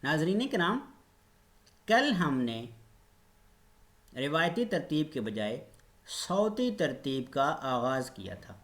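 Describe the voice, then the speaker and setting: Slow, patient male Quran recitation teacher. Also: a little high, sing-song, fairly bright tone. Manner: patient, demonstrates sounds slowly. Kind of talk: online pronunciation lesson.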